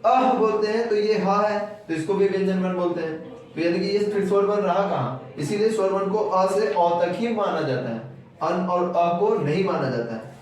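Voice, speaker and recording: A man teaching a grammar lesson, explaining patiently and repeating key terms, slowing down to spell out each sound. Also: high voice, a little mellow. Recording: very echoey room, voice from far off.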